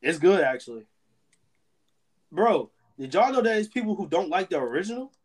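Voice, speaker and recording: A young man in casual chat with friends, talking in an animated, emphatic way and ending his lines with "bro". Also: high-pitched, moderate pace, breathy edge.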